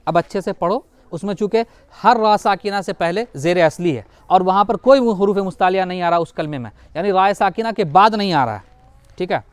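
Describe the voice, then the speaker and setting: Male recitation teacher with a smooth, clear voice, drilling syllables slowly and correcting as he goes. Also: sits high, no echo. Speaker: Quran reading teacher. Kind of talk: recitation lesson.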